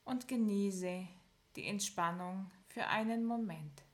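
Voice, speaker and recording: A woman with a mid-range voice leads the session. Her progressive muscle relaxation instructions come calmly and in order, and her countdown is slow with long gaps between numbers.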